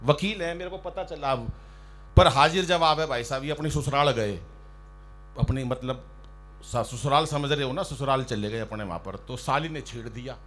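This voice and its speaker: A man performing as a comic poet on stage, ribbing fellow poets and telling jokey stories in a loud, teasing manner. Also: medium pitch, normal speed. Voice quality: loud, ribbing, storytelling with mock shouts. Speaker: stand-up poet. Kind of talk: humorous poetry recital banter. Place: outdoor stage by a river.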